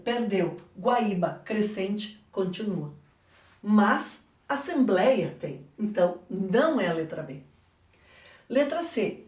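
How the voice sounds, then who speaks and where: A woman with a Brazilian Portuguese accent leads a grammar lesson at a middle pitch. She quizzes the class and answers her own questions. Her voice carries from some way off the mic, with a noticeable room echo. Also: darkish tone. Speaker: teacher. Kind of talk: exam correction lesson. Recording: echoey room, voice from a distance.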